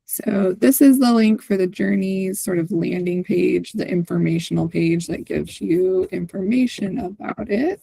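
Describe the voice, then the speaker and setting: Presenting on a community call via video with a shared screen, this host talks through things casually and keeps checking in, frequently closing a point with "right?". She speaks unhurriedly at medium pitch, with vocal fry, a mellow, husky quality and hardly any pauses. The audio is dry and low in quality.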